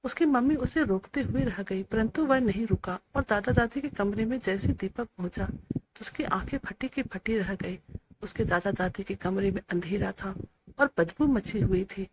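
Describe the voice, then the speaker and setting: A woman's voice: medium pitch, moderate pace, a little hiss or hum, poor audio. Woman reading an emotional story. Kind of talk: scripted story narration.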